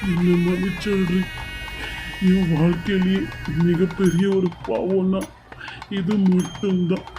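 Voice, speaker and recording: A man's voice: high-pitched, low-quality recording. A man voicing a guilt-ridden young groom in a cartoon serial, remorseful and despairing.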